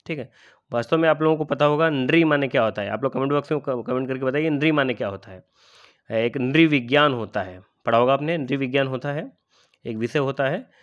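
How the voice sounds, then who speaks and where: A man's voice: medium pitch, brisk, highs cut off. Male tutor, middle-aged, patient and repetitive, asks himself questions while teaching exam spelling. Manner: explains patiently, repeats words and asks rhetorical questions. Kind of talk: spelling lesson for exam aspirants.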